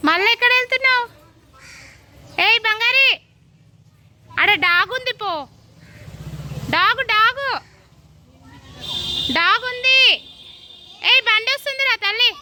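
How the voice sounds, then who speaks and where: A woman's voice: extremely high pitch, measured pace, long pauses, pushed and bright. A woman with a Telangana accent watching over children outdoors, fussing and scolding them with affection. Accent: Telangana Telugu. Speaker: vlogger minding children. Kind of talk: casual outdoor vlog. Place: outdoors by a busy road. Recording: noisy street with traffic.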